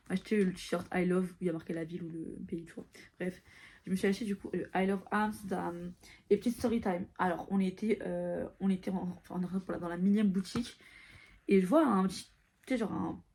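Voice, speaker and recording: A woman's voice: mid-range voice, mellow, breathy edge. A woman in her early twenties chatting casually to camera, tired and mixing English phrases into her talk. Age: early 20s. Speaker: vlogger.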